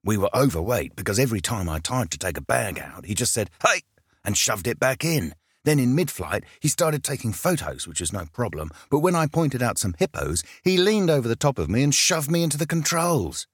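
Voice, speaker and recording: A man's voice: lowish voice, big pitch swings, slow, few pauses, husky, no room sound, clean studio sound, full character voice. A man voicing an indignant male bush pilot who speaks through clenched teeth, his voice climbing in exasperation. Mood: exasperated.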